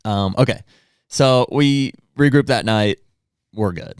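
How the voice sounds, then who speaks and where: A man's voice: medium pitch, slow pace, smooth, no room sound, studio quality. A man guest on a podcast, a hunting guide telling a rambling anecdote in casual chat, acting out what people said. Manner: rambling anecdote with acted-out quotes. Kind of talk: casual storytelling.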